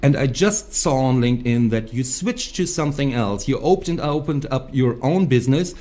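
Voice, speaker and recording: Halting male co-host of a chat show. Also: mid-range voice, lively intonation, dark tone. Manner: halting, restarts sentences. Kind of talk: casual chat.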